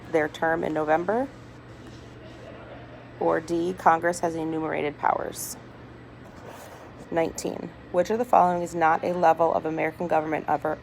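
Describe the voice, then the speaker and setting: Lowish woman w vocal fry reading test questions out loud in a hospital room, bit of background noise. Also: low-quality recording. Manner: deliberate, item-by-item reading with small stumbles. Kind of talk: reading multiple-choice test questions aloud. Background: people talking, ambient noise.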